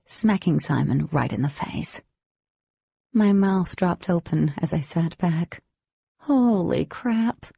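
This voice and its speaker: A woman's voice: sits low, vocal fry, dark tone, slightly rough, no room sound, highs cut off. A woman narrating a first-person novel as an audiobook, in a wry, conversational manner.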